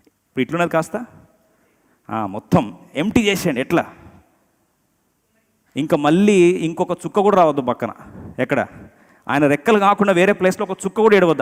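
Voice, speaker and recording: A man preaching a sermon to a congregation, emphatic, slipping English phrases into his talk and putting questions to his listeners with humorous asides. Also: a little high. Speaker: pastor. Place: church hall before a congregation. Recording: long hall reverb.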